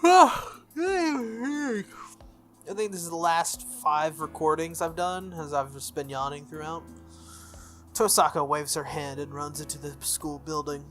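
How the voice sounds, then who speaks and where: A let's-play host with a medium-pitched voice reads a visual novel aloud slowly, tossing in offhand, chatty commentary alongside the script. Soft game music plays under the voice.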